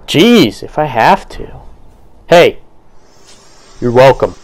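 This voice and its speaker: A young man giving crude, comedic commentary while playing a video game, bursting into shouts and yelps. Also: mid-range voice, sing-song, slow, low-quality recording. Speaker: let's play gamer.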